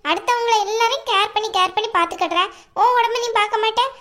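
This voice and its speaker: A bossy older aunt in a cartoon, voiced by a woman, scolding and fussing in a very high, piercing voice. She gives orders and nags without pause. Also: a bit bright. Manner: scolding, nagging, commanding. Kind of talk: cartoon voice acting.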